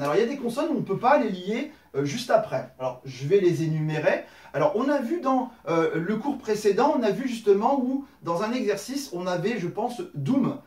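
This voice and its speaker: A man's voice: sits high, a little mellow, reverberant, distant mic. A man teaching a language lesson at a whiteboard, explaining step by step and often checking in with "d'accord?". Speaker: Arabic teacher.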